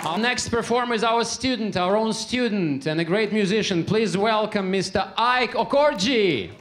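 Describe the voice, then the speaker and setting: A man's voice: high voice, moderate pace, roomy sound, over loud music. A man with a Russian accent hosting a live comedy show, teasing a performer in jokey banter. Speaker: show host. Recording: live mic with loud crowd and hiss.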